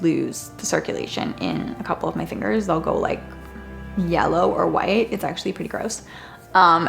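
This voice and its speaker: A woman's voice: lowish voice, creaky. A woman talking casually and candidly about herself in an informal way. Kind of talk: casual talk to camera.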